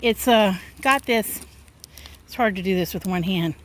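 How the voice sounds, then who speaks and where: A woman's voice: mid-range voice, a little slow. A middle-aged woman vlogging in a casual, rambling, folksy way, talking to her viewers from a car and while working on a van. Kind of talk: casual vlog chat. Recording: loud vehicle and street noise.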